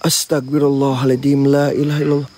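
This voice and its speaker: A man's voice: mid-range voice, monotone, a little fast, dark tone, a little hiss or hum. A man hosting a night ghost-hunting vlog outdoors near a sacred tree, jumpy and frightened as he talks to his viewers. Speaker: paranormal explorer and host.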